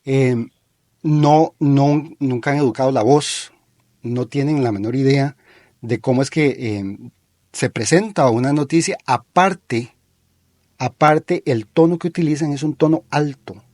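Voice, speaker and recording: A man's voice: mid-range voice, measured pace, a little mellow, dry recording. A Costa Rican man hosting a talk show, speaking in a plain mid-range voice. He argues point by point in an opinionated, analytical way and often stops on fillers. The sound is close and dry, with no room around it. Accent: Costa Rican Spanish. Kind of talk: critical discussion.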